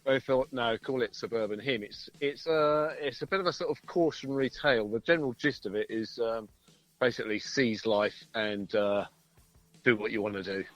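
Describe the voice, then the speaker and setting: Speaking at normal speed in a mid-range, fairly bright voice, this musician rambles and jokes casually as an interview guest. He's outdoors outside a pub, on a phone call through a Bluetooth headset, and the audio is poor.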